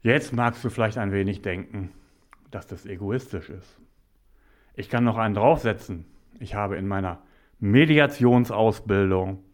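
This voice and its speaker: A man gives a motivational talk as a mediator and coach. He speaks slowly and deliberately in a lowish voice. He sometimes drops to a whisper for emphasis.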